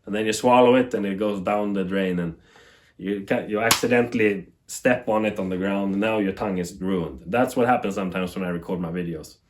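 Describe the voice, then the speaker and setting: This low-voiced Swedish man talks fairly quickly over a faint hiss or hum. English isn't his first language, and his Swedish accent shows as he rambles animatedly to camera about TV tech, laughing at himself.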